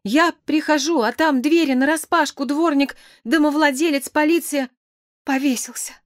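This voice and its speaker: A woman's voice: on the high side, dry recording, clean studio sound, pitched above the performer's own voice, lightly acted. A woman doing a weeping, frightened young man. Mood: shaken. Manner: sobbing, breathless, rushed.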